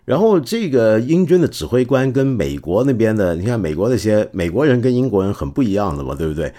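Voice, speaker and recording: A middle-aged man hosting a podcast, telling stories in a casual, animated way and acting out the quotes. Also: on the low side, fairly quick. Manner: animated, acts out quotes with laughs. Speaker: podcast host. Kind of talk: casual storytelling talk.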